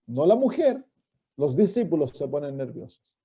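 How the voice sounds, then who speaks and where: A man's voice: a little high, big pitch swings, normal speed, warm tone, breathy edge. A man, preaching a sermon as a pastor, reading scripture and asking his listeners questions. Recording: dull lo-fi recording.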